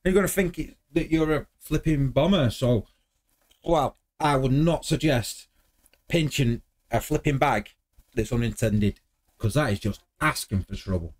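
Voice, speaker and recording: A man's voice: medium pitch, unhurried. A British man in his thirties giving casual commentary as a reaction video host in a room at home. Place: small home room, indoors. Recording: music under the voice.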